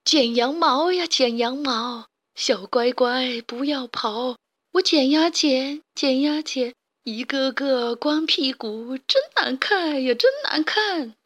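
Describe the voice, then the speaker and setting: A woman's voice: sits high, slow pace, a bit bright, full character voice. Brief: coarse male shepherd chanting a teasing song, voiced by a woman, drawn out. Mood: mocking. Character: rough-voiced male royal shepherd singing.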